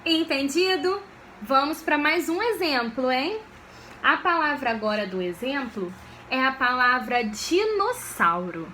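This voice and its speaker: Woman teaching kids on video, slow and patient, voice goes up and down a lot, a little background hiss. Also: high-pitched, sing-song, pushed and bright. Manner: slow, patient, checks understanding with frequent questions. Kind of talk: video lesson for children.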